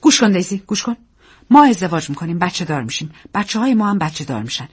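A woman reading a story, voicing an earnest man in love who pleads quietly and tenderly. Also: fairly low pitch, sing-song, husky. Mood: insistent.

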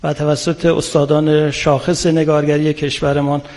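A man making a formal announcement, polite and somewhat halting, with hall reverb around his voice. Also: a little high, little pitch movement, darkish tone. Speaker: arts academy representative.

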